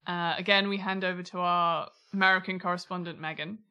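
A woman's voice: fairly low pitch, fairly even intonation, fairly quick, bright, forceful tone. A woman co-hosting a podcast in casual chat, bubbly and giggly. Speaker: podcast co-host.

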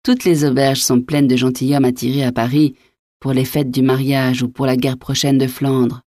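A woman voicing a calm, patient young male nobleman, polite and even-tempered, in an audiobook reading. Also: a bass voice, moderate pace, no echo, clean studio sound.

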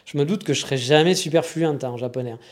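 A man's voice: on the high side, fast. A man from France with a French accent, talking in a rambling, frank, slangy casual monologue. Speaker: vlogger living in Japan.

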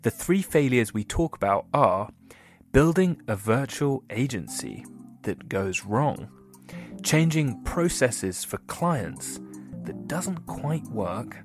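A man's voice: medium pitch, big pitch swings, slow, soft background music. A man hosting a podcast, introducing his guest with upbeat enthusiasm. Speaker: podcast host. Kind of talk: podcast interview.

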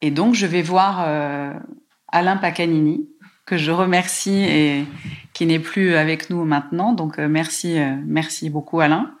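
A woman from France telling a personal story in a lively, emotional way, with many small hesitations. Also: deep voice, unhurried. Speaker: guest telling her life story.

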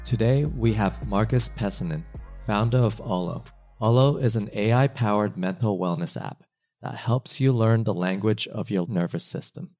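A man's voice: on the low side, normal speed, darkish tone, soft background music. A man hosting a podcast, asking friendly, curious questions. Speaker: podcast host. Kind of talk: podcast interview.

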